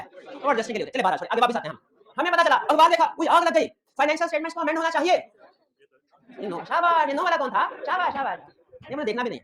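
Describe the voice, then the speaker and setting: High-voiced, fast-talking male lecturer. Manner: keeps checking if students follow; lively teaching with personal anecdotes. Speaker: audit lecturer. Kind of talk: classroom lecture.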